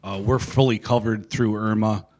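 Low, flat-voiced city staffer. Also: male voice. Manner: measured, steady bureaucratic delivery. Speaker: city public works staff reporting to council. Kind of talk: formal report to council. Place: council chamber, indoors. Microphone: handheld microphone.

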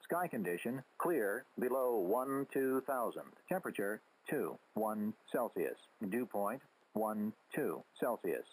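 A man reading an automated airport weather report in clipped, formulaic phrases over crackly aviation radio, with a husky voice. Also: lowish voice, expressive, slow pace.

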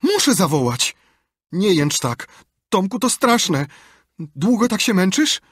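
A man voicing a frightened young boy who pleads in a shrill, alarmed voice, read in an audiobook. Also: very animated, slow pace, a bit bright, breathy edge, no room sound, clean studio sound, full character voice.

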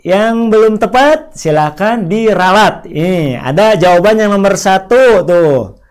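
A man teaching an online Quran reading lesson, asking questions, repeating points and slowly drawing out example words. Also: high-pitched, animated, clean tone. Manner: asks questions and answers them himself, repeats points; stretches words out slowly when demonstrating readings.

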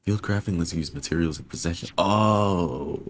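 Deep-voiced young man chatting over gameplay. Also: normal speed, slight background noise. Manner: rambling self-talk, swears casually. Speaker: gaming video creator. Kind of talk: casual let's-play commentary.

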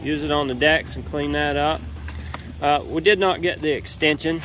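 A man's voice: fairly high pitch, steady tone, normal speed, fairly bright tone, slight background noise, low-quality recording. A man in a casual product review vlog, talking in a laid-back, rambling way on his driveway while wearing a camera. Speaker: home improvement vlogger. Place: outdoors on a driveway. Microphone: body-worn camera.

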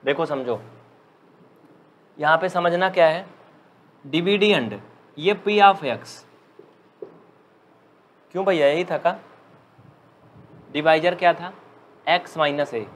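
A man teaching a live online maths class who jokes with students and dictates slowly. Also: fairly high pitch. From India. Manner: chatty, joking, dictates slowly.

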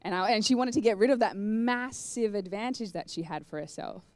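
A young woman with a mid-range voice speaks a little fast as she presents a live conference talk and Q&A. Standing on stage in a cinema hall with a handheld mic, she keeps things chatty and animated, often saying "like" and "um."

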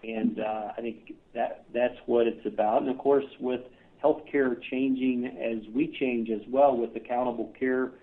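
A man's voice: mid-range voice, fairly even intonation, unhurried. A man with a Midwestern American accent, a clinic chief executive answering podcast questions earnestly, with many filler "uh"s. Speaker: clinic CEO guest. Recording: tinny phone line.

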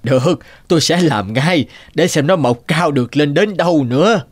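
A man voicing a kindly poor old farmer in a cartoon, talking in a gentle, wondering way. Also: a little high, animated, moderate pace, no echo. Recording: cartoon with music behind.

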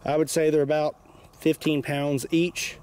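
Out in an open field, this young Kentucky-accented shooting channel host talks plainly and casually through a demo, easygoing and thinking out loud. His pitch sits on the high side with little movement, his pace a little slow and his tone a little mellow. The camera mic, occasionally distant, carries a little hiss or hum.

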